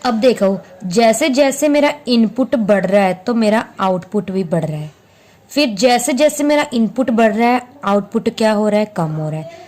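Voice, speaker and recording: A woman's voice: a little high, animated, moderate pace, a little mellow. A woman teaching a maths lesson, patiently explaining graphs, repeating her points and answering her own questions, mixing Hindi with English maths terms. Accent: Hindi-English mix with English maths terms.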